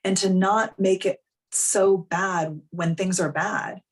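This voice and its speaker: A woman's voice: medium pitch, steady tone, takes it slowly. A woman in her thirties, a life coach talking frankly and casually on a live coaching call, full of "like" and the odd swear word.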